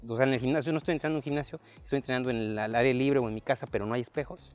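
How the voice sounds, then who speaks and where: A man's voice: medium pitch, rapid-fire. A man in his thirties hosting a casual fitness chat outdoors in a park, talking loosely with fillers, on a lapel mic. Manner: relaxed, conversational, frequent fillers. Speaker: fitness coach and host. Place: outdoor park workout area.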